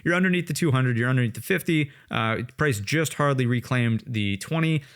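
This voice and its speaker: A man's voice: medium pitch, expressive, brisk, fairly bright tone, clean tone. A man talking through stock charts on a screen share, conversational, with lots of fillers and "right?" check-ins. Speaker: trading educator. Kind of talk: screen-share market analysis.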